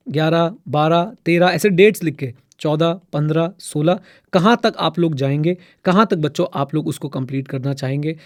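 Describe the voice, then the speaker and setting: A man's voice: fairly high pitch, a little mellow. Fatherly man exhorting students. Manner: exhorting, repeats himself for emphasis; addresses students as children, asks them to reply in chat. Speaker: CA exam teacher. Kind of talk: live online mentorship session.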